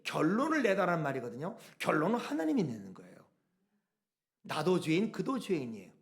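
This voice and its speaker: A middle-aged man preaching a sermon as pastor, asking rhetorical questions and acting out quoted speech. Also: high voice.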